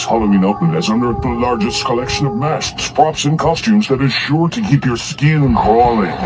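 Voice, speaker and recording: A man's voice: medium pitch, poor audio. Spooky ride narrator man, theatrical and ominous. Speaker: advertisement announcer. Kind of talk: spooky ride narrator delivery in a scripted Halloween store ad.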